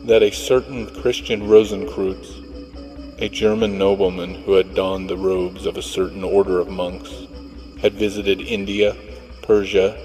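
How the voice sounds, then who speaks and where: A male reverend reading a doctrinal text aloud in a measured, formal way. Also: low voice, a little mellow. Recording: long hall reverb with faint music.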